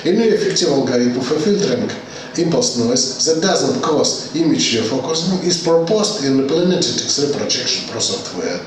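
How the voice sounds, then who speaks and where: A man presents research findings at a conference in a halting way, repeating phrases and filling pauses with "uh". He sounds far from the mic, in a very echoey space with faint noise behind. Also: medium pitch, animated. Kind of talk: reading a technical presentation.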